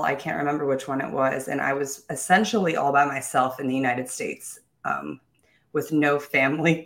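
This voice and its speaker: Her voice rumbles low yet has a slightly bright edge. In an interview, this young woman shares her life story candidly, confident and cheerful, breaking into little laughs and starting sentences over.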